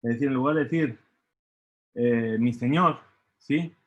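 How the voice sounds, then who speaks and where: Slow, husky male Talmud teacher who checks in with "¿sí?" and hesitates, on a dull lo-fi recording. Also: medium pitch. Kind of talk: Talmud study lesson. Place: study hall.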